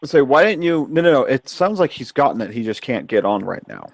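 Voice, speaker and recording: Man, lively intonation, halting casual chat, dry recording. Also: medium pitch, vocal fry, no echo. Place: online voice call livestream.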